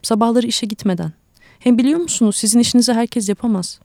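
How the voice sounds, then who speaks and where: A woman's voice: fairly high pitch, quick pace, darkish tone, no room sound, clean studio sound, close to an everyday voice. Şükriye, a curious little girl voiced by a woman. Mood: earnest. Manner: polite, eager questions. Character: small girl, curious and earnest.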